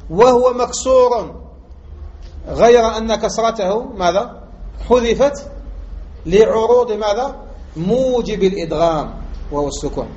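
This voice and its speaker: Algerian sheikh teaching grammar, high voice, keeps quizzing the class, dull lo-fi recording. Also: male voice, animated, unhurried, long pauses, darkish tone. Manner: asks students rhetorical questions and drills the point. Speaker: sheikh teaching Arabic morphology. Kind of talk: classroom lesson explaining a grammar text. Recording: muffled lo-fi lesson recording with faint background noise.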